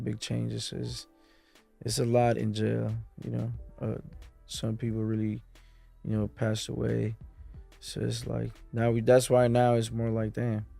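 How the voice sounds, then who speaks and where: A music producer who grew up in Mexico City talks as a guest in a casual sit-down interview, packing his speech with street slang and "you know" asides. His mid-range voice is warm, with vocal fry.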